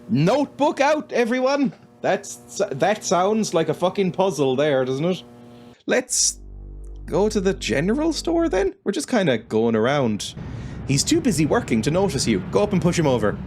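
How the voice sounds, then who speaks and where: A young man giving wry, sweary commentary while playing a game, reading its text aloud and laughing often. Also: on the high side. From Ireland. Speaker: let's-play host.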